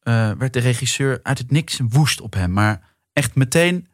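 A man's voice: mid-range voice, lively intonation, moderate pace, no echo, clean studio sound. A man in his forties, a guest actor and writer, telling personal stories in a casual talk. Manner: thoughtful anecdotes, many fillers. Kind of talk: casual chat.

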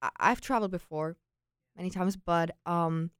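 Fairly low-pitched, a bit bright, clear and resonant, this young Czech woman talks at normal speed in a studio recording free of room sound. She grew up in Prague, once studied abroad on exchange, and as an interview guest casually tells personal stories in a Czech accent, peppered with "like" and quoted thoughts.

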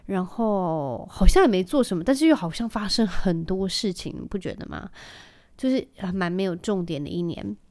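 A woman's voice: medium pitch, expressive, moderate pace, darkish tone. A woman in her thirties from Taiwan, hosting her podcast in a rambling, chatty way with many fillers. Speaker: podcast host. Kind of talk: casual chat.

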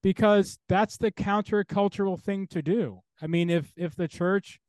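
Earnest man, higher voice, emphatic lists. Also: fairly even intonation, measured pace, darkish tone, no room sound. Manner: emphatic, builds points through repeated parallel phrases. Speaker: interview guest, theologian and professor. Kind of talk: earnest interview talk.

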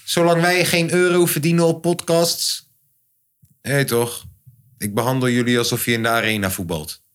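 A man with a Dutch accent, hosting a casual podcast chat, joking and cursing, mimicking others with sudden pitch jumps. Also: steady tone, moderate pace, a bit bright. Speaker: podcast host. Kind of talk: casual banter.

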